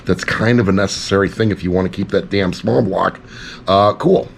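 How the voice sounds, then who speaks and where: A man's voice: low-pitched, normal speed, gravelly. A man hosting a casual book chat, sarcastic and swearing offhandedly. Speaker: podcast host. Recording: faint background noise.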